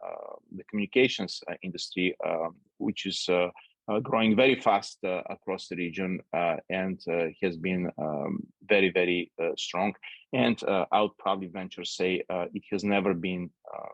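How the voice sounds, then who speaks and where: A middle-aged man from Bulgaria moderating a webinar, speaking haltingly with constant "uh" fillers over a video call. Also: low-pitched, steady tone, no room sound. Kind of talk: unscripted opening remarks. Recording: dull dry lo-fi webinar audio.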